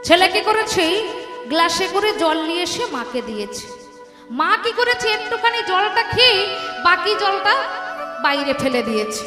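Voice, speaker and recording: High-voiced woman telling a devotional story. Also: sing-song, moderate pace, long pauses. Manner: rhetorical questions to listeners. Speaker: kirtan performer and storyteller. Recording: echoey hall with live music behind.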